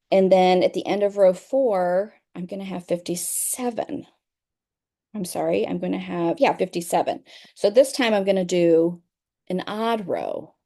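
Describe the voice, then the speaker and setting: A woman's voice: lowish voice, measured pace, mellow. A middle-aged woman teaching a crochet pattern in a casual, chatty way, often repeating herself and checking in with "okay?". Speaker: crochet instructor. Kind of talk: casual tutorial explanation.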